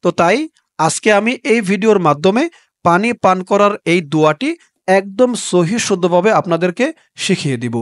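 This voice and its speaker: A man giving a step-by-step recitation lesson, patiently spelling out sounds letter by letter and chanting the words slowly and drawn out. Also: high voice, animated, dry recording, studio quality. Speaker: religious teacher.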